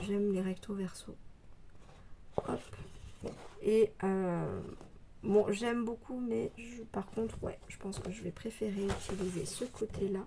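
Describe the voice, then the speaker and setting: A woman vlogger chatting casually about scrapbooking papers, hesitant with many fillers, pausing to read labels aloud slowly. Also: mid-range voice, noisy background. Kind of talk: casual show-and-tell haul. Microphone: phone.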